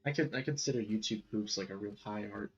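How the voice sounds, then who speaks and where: A man's voice: fairly low pitch, fast, breathy edge, lo-fi sound. A man chatting casually with friends on a gaming stream, enthusiastic and swearing freely. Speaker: co-player friend.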